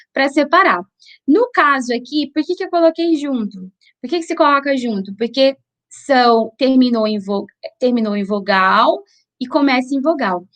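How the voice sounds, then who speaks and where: High-voiced Brazilian teacher explaining patiently. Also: female voice. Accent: Brazilian Portuguese. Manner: explanatory, repeats tag questions, slows to sound out syllables. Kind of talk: online review lesson.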